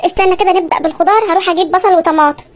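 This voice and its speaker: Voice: extremely high pitch, fairly even intonation, racing. A comic performer voicing an exasperated wife and mother with an Egyptian accent, complaining while shopping in a sketch. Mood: pleading. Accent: Egyptian Arabic. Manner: complaining, pleading, exclaiming. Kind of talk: comedy sketch dialogue.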